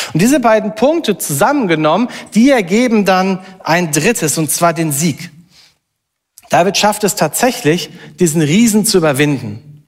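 A man preaching a sermon and reading a long scripture passage aloud in an earnest, steady voice. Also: sits high, long reverb tail.

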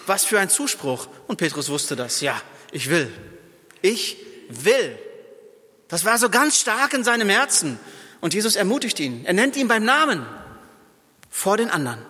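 Guy preaching, high bright voice, tells the bible stories super casual, big echoey church sound. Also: moderate pace. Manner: lively storytelling, retells Bible scenes in everyday words. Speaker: pastor. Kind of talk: sermon.

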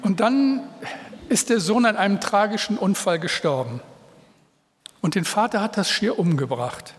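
A man's voice: high voice, expressive. Earnest preaching man in a reverberant church. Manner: earnest, heartfelt preaching with pauses. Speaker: pastor. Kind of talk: sermon. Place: church hall. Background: long reverb.

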